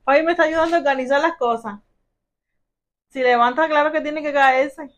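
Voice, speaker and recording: A high-pitched young woman from Cuba talks briskly in a Cuban accent during a casual unboxing vlog at home. She's a mother who gushes and exclaims over her gifts, addressing her viewers as family.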